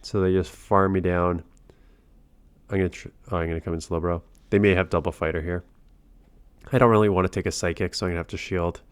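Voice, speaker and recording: An adult father who hosts a gaming channel comments casually on his own match while sick with a cold, sounding nasal and congested. He thinks aloud and breaks off mid-sentence. His low-pitched voice is fast, clear and resonant with fairly even intonation and no echo.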